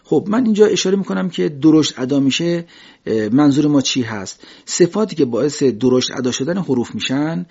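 A man teaching a lesson on Quran recitation, patiently explaining and slowly demonstrating letter sounds. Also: medium pitch, a little mellow, slightly rough. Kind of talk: religious lesson on pronunciation. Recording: dull lo-fi recording.

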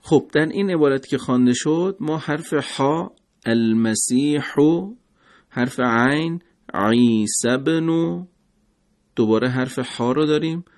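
Male teacher, mid pitch, patient lesson delivery with slowed word demonstrations. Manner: slow, deliberate, repeats words to demonstrate sounds. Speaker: recitation teacher. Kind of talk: pronunciation lesson.

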